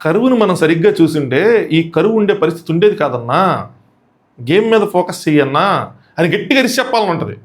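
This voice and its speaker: A man with a Telugu accent giving a quick, animated review of a reality show episode, acting out the contestants' lines. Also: a little high. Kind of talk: fast episode review commentary.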